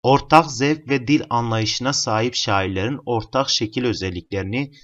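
A man's voice: mid-range voice, moderate pace, dull audio. A male teacher working through literature exam questions step by step, calling his students friends. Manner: steady explanatory, addresses students as friends.

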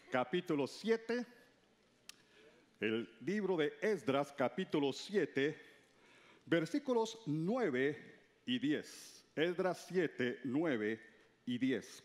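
A man's voice: fairly high pitch, big pitch swings, takes it slowly. A man, a pastor, preaching a sermon. He reads scripture aloud and calls on the congregation to repeat key words after him.

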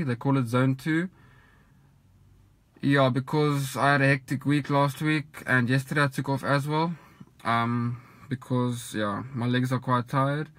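A man's voice: medium pitch, dry recording. A young man, a cycling coach, talking casually to a phone camera while sitting in his parked car, rambling with lots of ums. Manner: relaxed, rambling with many ums. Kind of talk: casual vlog talk. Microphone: phone camera at arm's length.

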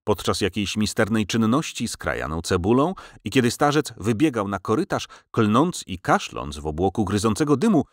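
A man reading a novel aloud as an audiobook narrator, with measured, expressive storytelling on a close studio mic. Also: fairly low pitch, no room sound. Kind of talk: scripted literary narration. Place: recording studio.

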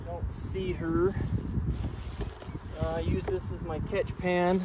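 A man's voice: high voice, flat delivery, slow pace, very noisy. A man who keeps bees, talking offhand and thinking aloud as he works in an outdoor bee yard, recorded on a camera mic. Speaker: beekeeper. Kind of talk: casual how-to narration. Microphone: camera mic, speaker moving around. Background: loud buzzing of bees.

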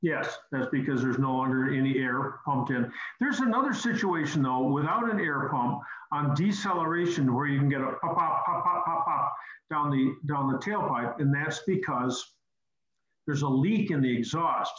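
Guy hosting a car tech call, explains slow and repeats himself, roomy slightly dull audio. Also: fairly high pitch, a bit bright. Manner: explanatory, repeats words while thinking. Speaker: host. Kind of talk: technical call-in chat.

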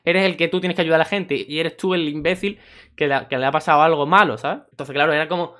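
A young man with a Spain Spanish accent rattles through his stories at a quick clip, in a voice a bit higher than most men's. He tells them jokingly and acts out the other people's voices. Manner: jokey, animated, acts out voices in the story. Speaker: streamer and YouTuber. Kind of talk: casual anecdote storytelling.

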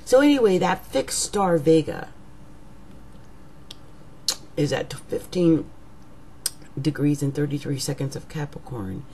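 Sitting at home in her living room, a middle-aged astrologer speaks to her desk webcam in a casual monologue. Her low, mellow voice is rough and gravelly yet lively in intonation, and her slow, reflective talk keeps drifting into near-whispers while a faint hum runs underneath.

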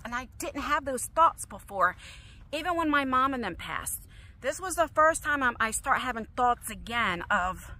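A woman's voice: high-pitched, sharp tone. A middle-aged woman vlogging about her life in an emotional, rambling way, restarting her sentences and pacing as she talks. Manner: pacing while talking. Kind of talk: confessional personal vlog.

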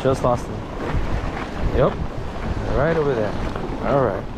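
A man's voice: medium pitch, slow pace. A man giving casual running commentary while fishing from an outdoor rock jetty, talking to his viewers and whooping when fish bite, recorded on a body-worn camera. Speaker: fishing vlogger. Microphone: body-worn action camera. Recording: loud wind noise on the mic.

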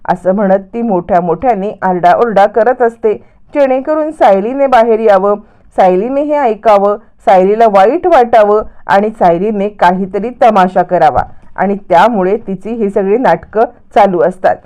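A woman narrating a TV serial recap in a lively storytelling way, repeating words for emphasis. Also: medium pitch, moderate pace.

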